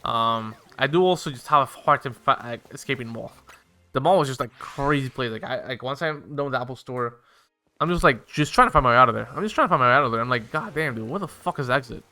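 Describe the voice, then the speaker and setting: A man's voice: medium pitch, quick pace, pushed and bright. A young man casually telling a rambling, profane story while he plays a game. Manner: rambling, profane, filler-heavy.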